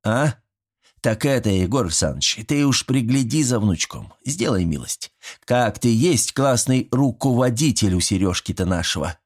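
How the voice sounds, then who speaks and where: A man's voice: mid-range voice, animated, normal speed, slightly rough, voice pushed up. A man voicing a fussy, good-natured old village grandfather who talks in folksy rural speech, sighing and fretting. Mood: fretful. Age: older.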